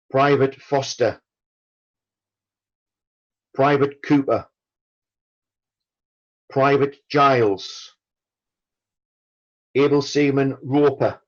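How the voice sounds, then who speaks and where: This is a male veterans' branch chairman delivering a memorial roll call, solemn and formal, stopping after each name. His pace is extremely slow and measured, his pitch typical of a man, and the audio a bit dull and lo-fi.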